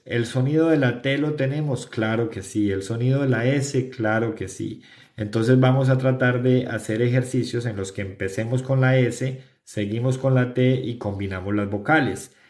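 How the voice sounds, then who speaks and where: A man's voice: on the low side, darkish tone, roomy sound. A man from Colombia with a Colombian Spanish accent, giving an English pronunciation lesson and often checking understanding with the class. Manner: explanatory, repeats "¿cierto?" to check understanding. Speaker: English teacher.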